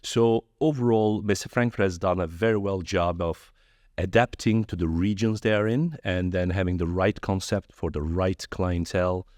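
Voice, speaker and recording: Deep-voiced Turkish-born man, friendly guest. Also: normal speed, no room sound, studio quality. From Turkey. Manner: friendly, storytelling with animated quoted voices. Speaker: podcast guest. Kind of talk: casual interview conversation.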